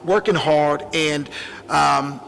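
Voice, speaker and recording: A man being interviewed, talking in an animated, preachy way and repeating phrases for emphasis. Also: fairly high pitch, takes it slowly, gravelly. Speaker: guest, record producer. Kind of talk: casual interview chat. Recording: long hall reverb.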